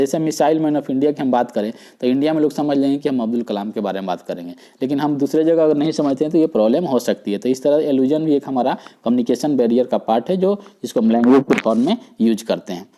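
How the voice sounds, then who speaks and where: A middle-aged man lecturing on communication skills in a mellow, warm tone. He explains patiently and repeats each point, illustrating it with everyday examples. His talk is full of English technical terms. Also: medium pitch, poor audio. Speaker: teacher.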